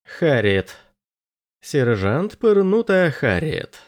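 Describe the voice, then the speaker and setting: A man's voice: a little high, very animated, a little slow, a little mellow, pitched above the performer's own voice. A man voicing an awkward, oddly unbothered male soldier leader in an audiobook, speaking in a hesitant, mildly apologetic way. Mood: chatty.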